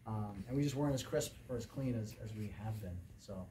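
This volleyball coach, a middle-aged man, talks a little fast in a voice on the low side while answering post-game questions indoors. Room noise is clearly audible through the distant camera microphone.

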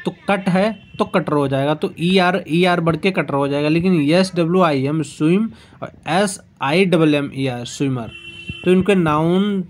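Man spelling out in a slow lesson. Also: a little high, a little hiss or hum. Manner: slow, repetitive explaining, spelling words out letter by letter. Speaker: teacher. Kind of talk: exam-prep grammar lesson.

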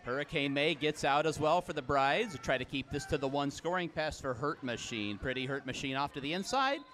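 A man calling live play-by-play, with brisk calls that jump up in pitch and loudness on big plays. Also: animated, slight background noise. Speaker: play-by-play commentator. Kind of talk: live sports commentary.

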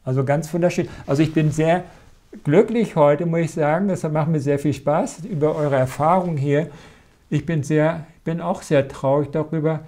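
As a meditation teacher giving a live spiritual talk, a man speaks calmly and with gentle reassurance at a normal speed. His pitch is fairly high, and he often checks in with a questioning tag.

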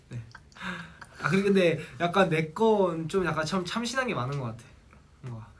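A young adult idol group member from South Jeolla, Korea, chats casually with fans on a livestream, telling stories and reading out a list in a quick, chatty way. His voice is on the high side with big pitch swings. He's in a small indoor room with a plain wall.

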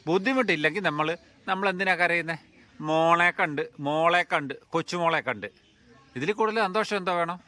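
Man, old age home caretaker, bright voice, a little high, coaxing and reassuring. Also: normal speed, no echo. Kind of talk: casual chat with elderly residents.

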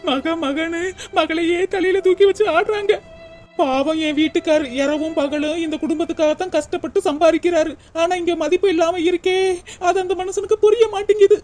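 A woman's voice: extremely high pitch, fairly even intonation, normal speed, darkish tone, faint music behind. A woman voicing a put-upon young daughter-in-law in a cartoon, with a Kanyakumari Tamil accent and a complaining manner. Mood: lamenting. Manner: complaining, pleading to the audience.

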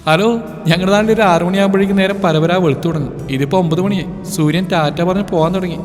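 Teasing young woman, cheeky cousin, slightly high; male narrator voicing, audio story with reverb. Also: fast, close to an everyday voice. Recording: reverberant with music underneath.

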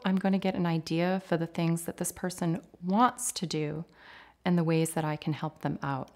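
A woman in her forties, an occupational therapist, explaining things in a clear, measured, instructive way in a home kitchen. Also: fairly low pitch, darkish tone. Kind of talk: explanatory interview talk.

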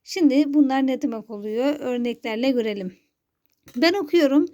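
A woman teaching Quran reading, pronouncing each syllable slowly and patiently so listeners can repeat after her. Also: high-pitched, mellow. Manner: patient, drawn-out syllables for repetition. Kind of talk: slow syllable-by-syllable recitation lesson.

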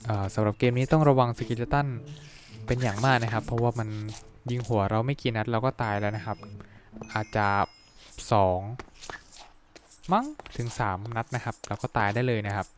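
A man's voice: medium pitch, fairly quick, pauses often. Young guy doing a game let's play, chatty, yelps now and then, bit of hiss behind. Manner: chatty, polite, frequent excited outbursts. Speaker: gaming YouTuber. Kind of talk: Minecraft let's-play commentary.

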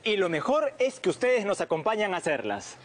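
A man's voice: high voice, sing-song, fairly quick. A man with a Peruvian Spanish accent co-hosting a children's program in a friendly, encouraging scripted way.

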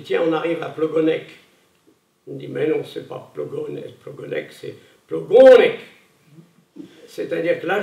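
A man gives a conference talk, pausing often on fillers and circling back to restart his sentences. His voice is strongly gravelly and a little high, with lively intonation. He is heard from some distance across an echoey hall. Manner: hesitant, many fillers and restarts. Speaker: conference speaker. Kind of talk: public lecture. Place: lecture hall. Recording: echoey room, voice from afar.

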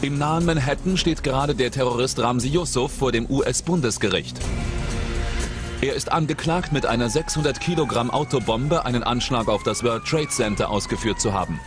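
A man's voice: medium pitch, wildly swooping pitch, moderate pace. Suspenseful male documentary narrator over music. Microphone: studio voice-over. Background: dramatic music.

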